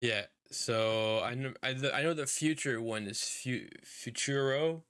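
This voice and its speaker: A man hosts a casual podcast over a computer mic on a voice call. His voice is smooth and resonant at a middling pitch, and the sound is dry and close. He rambles along with plenty of fillers. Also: unhurried, a bit bright, no echo. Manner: rambling, filler-heavy talk. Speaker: podcast host.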